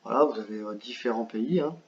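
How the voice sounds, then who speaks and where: A man giving a screen-share software tutorial, talking hesitantly with many fillers and restarts. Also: medium pitch, a little fast, a little hiss or hum. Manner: apologetic about his English pronunciation. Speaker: online business tutor. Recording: roomy, slightly dull home recording.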